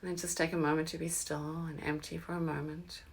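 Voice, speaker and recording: A woman with a gravelly, low voice takes listeners slowly through a meditation. Her tone remains level and comforting, often fading to a breathy whisper.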